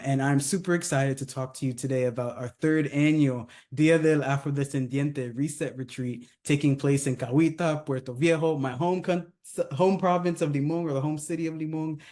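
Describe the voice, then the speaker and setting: A man from California talks through a presentation in a loose, conversational way, often checking in with a quick tag question. His voice has a mellow, warm tone at a middling pitch. He speaks as a company head giving an overview. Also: fairly even intonation. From California, United States. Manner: conversational, many fillers, tags sentences with "right?". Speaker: company CEO presenting a retreat. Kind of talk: casual presentation, video overview.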